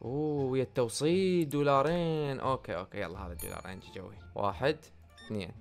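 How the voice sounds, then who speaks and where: Fast-talking young gamer guy. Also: mid-range voice, gravelly, soft background music. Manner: playful, swaggering, talks straight to viewers. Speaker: gaming YouTuber. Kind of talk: casual gameplay commentary.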